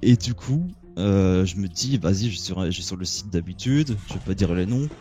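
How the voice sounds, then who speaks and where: A man casually telling a crude personal story in a relaxed, joking chat, laughing as he goes. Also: low voice, moderate pace, faint music behind.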